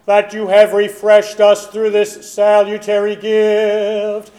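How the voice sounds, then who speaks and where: Officiant, male, higher voice, slow and measured liturgical delivery; cathedral echo throughout. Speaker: officiant leading a church service. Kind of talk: spoken and chanted liturgical prayer. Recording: echoey church hall with loud organ.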